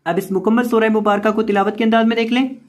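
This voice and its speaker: A woman teaching Quran reading with an Urdu-Hindi accent, slowly spelling out each word syllable by syllable and repeating it. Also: fairly high pitch, steady tone, darkish tone. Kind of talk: slow word-by-word recitation lesson.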